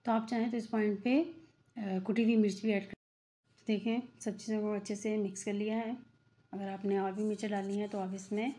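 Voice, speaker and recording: Recorded in her home kitchen, this cooking channel host is a middle-aged woman whose medium-pitched voice has a dark tone. Her voice-over is chatty and repetitive, full of filler words.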